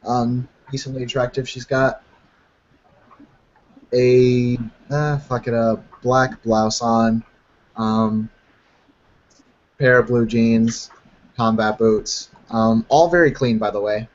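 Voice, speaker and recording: A man's voice: medium pitch, steady tone, slow, long pauses. A man describing a scene during a tabletop game, casual and loose with swearing. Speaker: tabletop player. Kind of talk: casual role-play chat. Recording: dull lo-fi sound.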